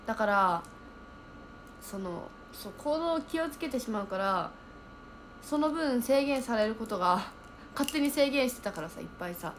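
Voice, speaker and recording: A young woman chatting casually on a livestream, reading viewer comments aloud and thinking out loud as she reacts. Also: on the high side, animated, normal speed, slight background noise.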